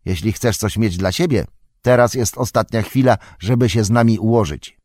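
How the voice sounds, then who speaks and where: A man's voice: lowish voice, moderate pace, a little mellow, no room sound, clean studio sound, close to an everyday voice. A man voicing a shrewd young male hobbit who argues urgently in an audiobook. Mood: defiant.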